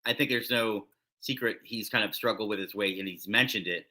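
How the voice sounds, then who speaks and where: A man's voice: fairly low pitch, a little fast, bright, forceful tone. A man co-hosting a wrestling recap show, chatting casually and rambling with many fillers and restarts. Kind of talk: casual podcast chat.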